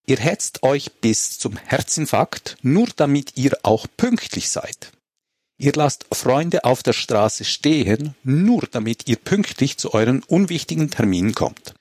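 A man, talking calmly as a guest on a comedic panel show. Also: medium pitch, a little slow, no echo, clean studio sound. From Switzerland. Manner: relaxed, reads a letter aloud.

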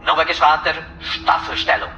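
A curt male military controller gives orders over a radio, as a man puts him on. The voice sounds bright and sharp, muffled by the radio and ringing in a roomy echo. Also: on the high side, normal speed, soft background music, pitched above the performer's own voice.

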